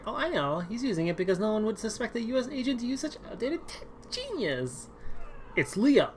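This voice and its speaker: A woman's voice: on the high side, very animated, brisk, a little mellow, slight background noise. A woman streamer reading a dating game aloud in a dramatic way, full of sarcastic, wry asides and exaggerated outbursts. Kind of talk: dramatic game read-through.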